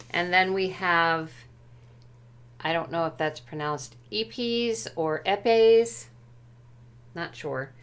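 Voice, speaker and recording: Slow, careful woman showing a tarot deck. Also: sits low, fairly bright tone. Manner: careful and tentative, often unsure of translations. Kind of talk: unhurried show-and-tell walkthrough. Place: at home.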